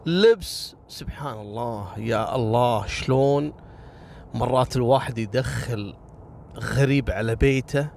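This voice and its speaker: A man's voice: mid-range voice, slight background noise. A man narrating a story casually, speaking straight to his listeners with moral asides. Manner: chatty, addresses listeners directly with moral asides.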